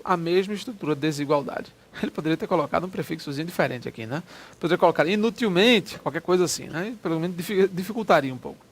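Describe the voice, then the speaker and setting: Guy teaching grammar for an exam, kinda high voice, keeps saying né. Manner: explanatory, drawn-out stressed words, frequent "né?" checks. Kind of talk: exam-prep lecture walking through test questions.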